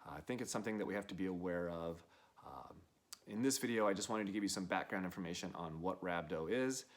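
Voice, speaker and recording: A middle-aged man, a gym owner and coach, explaining a health topic calmly and plainly, with frequent filler sounds. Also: low-pitched, quick pace. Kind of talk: informal explainer to camera.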